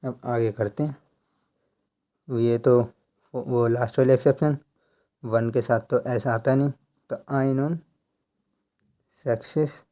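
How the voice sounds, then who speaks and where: A man giving a slow tutorial, counting out numbers one by one and explaining how each is read. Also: mid-range voice, fairly even intonation, dark tone. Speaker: language teacher.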